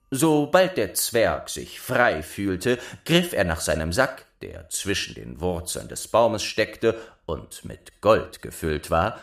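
Slow, expressive male storyteller. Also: on the low side. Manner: expressive, measured fairy-tale telling. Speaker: narrator. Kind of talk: storybook reading.

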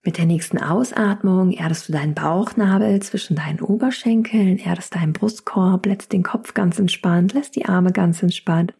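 A woman talks a student through chair yoga stretches in an unhurried, gentle voice. Her tone is mellow and breathy, with a gravelly edge, and her cues often drop close to a whisper. She counts down each hold calmly. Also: lowish voice. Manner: calm instructive cueing with breath counts. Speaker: yoga instructor. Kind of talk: guided chair yoga class.

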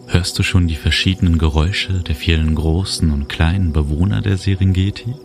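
A man narrating a guided relaxation journey, speaking slowly and soothingly. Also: sits low. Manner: slow, calm, soothing. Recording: music bed under voice. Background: music and cricket sounds.

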